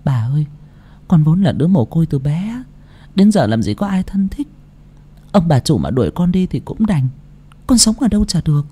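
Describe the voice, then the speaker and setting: A man voicing a gentle orphaned young maid who speaks softly and kindly. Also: on the high side, sing-song, moderate pace, pauses often, husky, voice pushed up.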